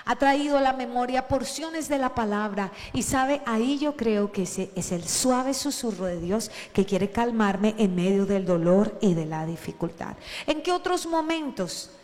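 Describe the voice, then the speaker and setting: A woman preacher giving a lively sermon, acting out the shouts of the Bible story as she retells it. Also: on the high side, a little slow, in a large hall. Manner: animated, acts out shouted Bible quotes.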